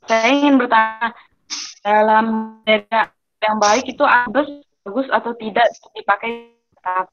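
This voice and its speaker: A woman student asking a polite, halting question on a video call whose audio keeps breaking up. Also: on the high side, a bit bright, highs cut off, soft background music. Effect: choppy, breaking-up video-call audio. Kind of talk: online class question.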